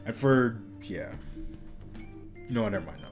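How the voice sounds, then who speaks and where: Speaking slowly and expressively in a fairly low voice, a young man makes casual, rambling chat on a gaming stream. He laughs a lot, says "dude" and "like" constantly, and soft background music plays.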